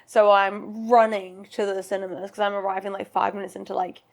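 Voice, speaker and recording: New woman, 30s, podcast co-host, animated storyteller. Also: medium pitch, brisk, gravelly. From New Zealand. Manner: animated storyteller, acts out quotes. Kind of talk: casual chat.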